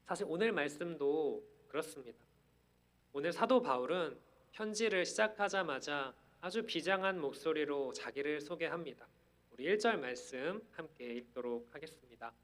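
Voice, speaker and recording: A man's voice: fairly high pitch, expressive, normal speed, a bit bright. A man preaching a sermon, earnest, building up to emphatic declarations.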